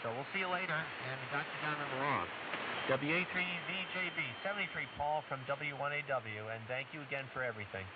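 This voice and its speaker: A man's voice: medium pitch, fast. A man running an amateur radio net, heard over AM ham radio that is slightly off-tune, calling out call signs in an orderly, courteous way. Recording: distant, muffled radio with loud static.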